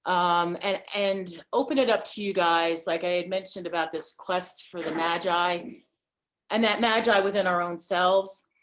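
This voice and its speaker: A woman's voice: lowish voice, fairly even intonation, fairly bright tone. Chatty woman hosting a video call. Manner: chatty, halting, with many fillers. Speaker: event host. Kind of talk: casual talk on a video call. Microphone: video call mic.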